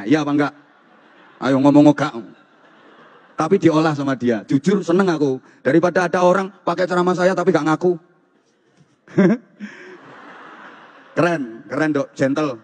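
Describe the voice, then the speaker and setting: A man's voice: on the high side, darkish tone. A man with a Javanese accent giving a humorous sermon to students, teasing his audience and repeating phrases in a rhythmic, jokey way. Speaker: preacher. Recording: long hall reverb.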